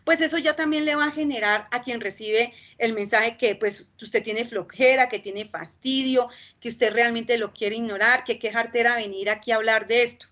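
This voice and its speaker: Fast-talking Colombian woman trainer. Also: on the high side, fairly even intonation, fairly bright tone. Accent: Colombian Spanish. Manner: talks fast with frequent "¿sí?" check-ins. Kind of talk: training lecture.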